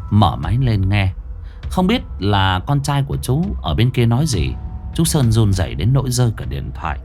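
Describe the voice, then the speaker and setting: A man narrating a ghost story in a dramatic, expressive reading. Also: on the low side, moderate pace, soft background music. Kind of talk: scripted horror narration.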